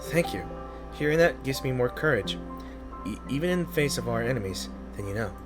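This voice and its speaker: A man's voice: mid-range voice, expressive, fairly quick, over music, lightly acted. Man reading as earnest, steadfast squad captain. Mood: resolute.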